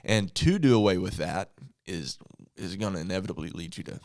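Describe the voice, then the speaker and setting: Deep-voiced male podcast co-host. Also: animated, brisk, darkish tone, dry recording, clean studio sound. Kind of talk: casual theology discussion.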